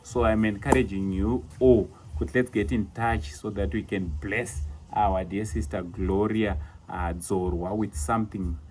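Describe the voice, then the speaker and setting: A man's voice: on the low side, steady tone, a little slow, hardly any pauses, darkish tone, faint music behind. A man with a Zimbabwean accent, talking casually and encouragingly to his viewers as a vlogger. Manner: upbeat, encouraging, chatty. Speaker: vlogger presenting gifts. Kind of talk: casual vlog talk mixing Shona and English.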